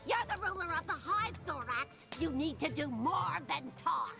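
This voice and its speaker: A woman's voice: high-pitched, expressive, moderate pace, creaky, music in the background. A woman voicing a boastful, showy young female pony magician in a cartoon, with a theatrical manner. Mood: indignant. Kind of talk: cartoon voice acting.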